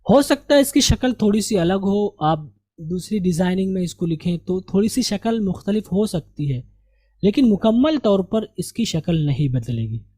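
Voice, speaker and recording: A high-pitched, mellow man speaks expressively at a moderate pace in a slow lesson on English letters. Patiently, he repeats himself and quizzes the learner, answering his own questions.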